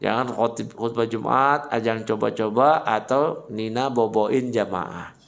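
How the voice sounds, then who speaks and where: A man's voice: on the low side, measured pace, gravelly. A man teaching a mosque study lecture in a conversational, teasing way. He addresses his listeners directly and mixes Arabic phrases into his speech. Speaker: Islamic religious teacher.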